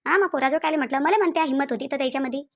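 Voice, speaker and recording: With a Varhadi Marathi accent, a woman plays a quarrelsome, grudging mother-in-law in a cartoon family drama. Her voice is high-pitched, creaky and very fast as she scolds and accuses, firing off pointed questions.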